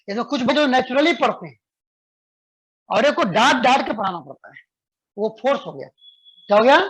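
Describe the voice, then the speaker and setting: Indian-accented male teacher, classroom lecture; slow dictation, brisk quizzing explanations. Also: very high-pitched, fairly bright tone, slightly rough, poor audio. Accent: Indian English. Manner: dictates slowly, repeating phrases, then explains fast with questions to students. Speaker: physics teacher.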